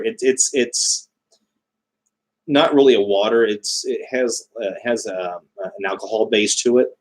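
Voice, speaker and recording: A man chatting casually as a livestream host, halting often as he searches for his words. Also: medium pitch, poor audio. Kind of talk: casual live chat explaining spiritual beliefs.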